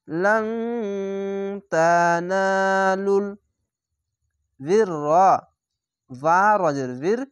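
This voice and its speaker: A man's voice: on the high side, no echo, clean studio sound. A man teaching Quran reading, spelling out syllables one by one and stretching recited words very long. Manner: slow, drawn-out spelling of syllables.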